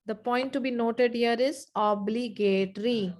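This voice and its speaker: Woman teacher slowly dictating a lesson. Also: a little high, expressive, low-quality recording. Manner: slow, repetitive dictation with frequent "okay". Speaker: Islamic studies teacher. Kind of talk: online class lesson, dictating notes.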